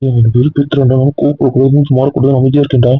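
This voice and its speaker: In an amateur audio drama, a man plays a possessive, jealous young husband who talks quickly, pleading one moment and turning stubborn the next. His natural, husky voice sits at medium pitch with a flat delivery. The recording is dry with no room sound, and it has a tinny, phone-like lo-fi quality.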